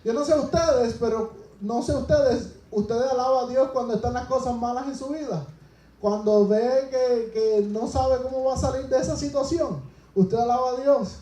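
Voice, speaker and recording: A man's voice: very high voice, normal speed, dark tone, reverberant, poor audio. A man preaching a sermon to his congregation, asking them rhetorical questions and retelling scripture as a story.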